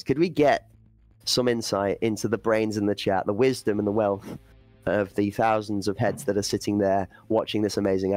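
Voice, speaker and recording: A man's voice: lowish voice, darkish tone, no room sound. A man commentating an esports playoff, breaking down play and building hype for the chat. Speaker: esports caster.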